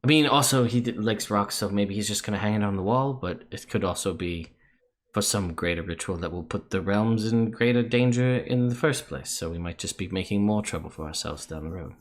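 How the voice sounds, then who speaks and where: Low-voiced man musing at the table. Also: brisk. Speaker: player.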